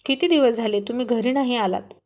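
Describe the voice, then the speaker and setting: A woman's voice: on the high side, brisk, a little mellow, close to an everyday voice. A woman voicing a sulky young wife. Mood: pleading. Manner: pleading and coaxing.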